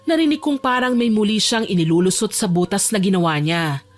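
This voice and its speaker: A young woman voicing a frightened young woman locked in a dark basement, tense and pleading as she narrates her own horror story. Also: medium pitch, brisk, lightly acted. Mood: hushed. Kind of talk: first-person horror story narration and dialogue. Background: faint music.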